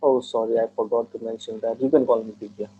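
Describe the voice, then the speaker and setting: Over tinny, phone-like audio with slight background noise, a test candidate answers practice speaking-test questions. He is a young man from Nepal in his twenties whose native language is Nepali, and he talks fast in a mellow, flat, medium-pitched voice, earnestly and formally, often starting his sentences over.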